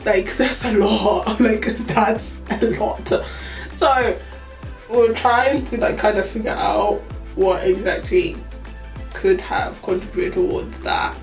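A woman's voice: mid-range voice, slow pace, roomy sound, soft background music, low-quality recording. A woman of twenty-four, chatting candidly to camera with many fillers and frequent laughs. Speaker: vlogger. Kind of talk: casual chat to camera. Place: small room indoors. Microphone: camera on tripod.

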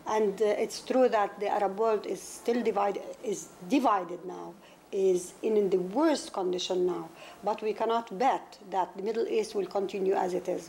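A woman's voice: fairly high pitch, a little mellow. A woman from Palestine, speaking English as a second language, answers interview questions earnestly, restarting and repeating words as she goes. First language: Arabic. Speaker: interviewee, novelist. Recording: 1991 interview tape with faint noise.

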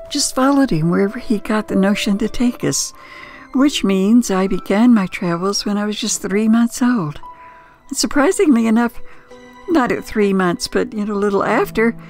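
An older American woman with a medium-pitched, slightly mellow voice tells nostalgic first-person stories. She is reflective and conversational, taking her time with pauses.

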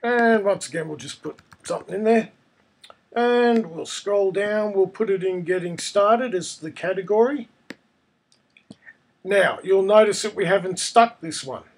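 High-pitched, croaky man with a cold. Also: measured pace. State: hoarse from a cold. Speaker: tutorial presenter. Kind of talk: casual screencast tutorial narration.

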